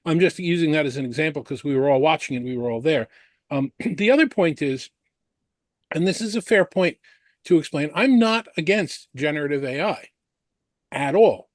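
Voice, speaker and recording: A man's voice: fairly high pitch, animated, moderate pace, dry recording. A man debating on an analyst panel, laying out his points one by one with frequent restarts.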